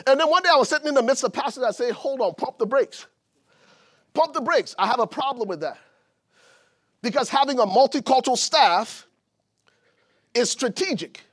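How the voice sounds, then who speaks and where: A preacher from Liberia delivers a sermon with a high voice. He builds his points with rising emphasis and at times shouts them out to the congregation. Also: expressive, a little fast, pauses often. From Liberia, West Africa. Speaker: pastor.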